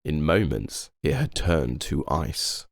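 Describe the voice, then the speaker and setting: A man reading a children's picture book aloud as an unhurried storyteller. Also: extremely low pitch, sing-song, gravelly, no echo, clean studio sound. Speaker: storybook reader.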